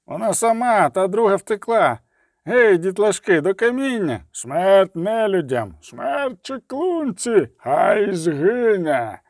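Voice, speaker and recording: A man's voice: high-pitched, sing-song, takes it slowly, dry recording, studio quality, voice pushed up, heavily acted. A man voicing a hateful male rabble-rouser in a mob, with a ringing metallic voice, in an audiobook. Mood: hateful shouting. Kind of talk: audiobook character voice.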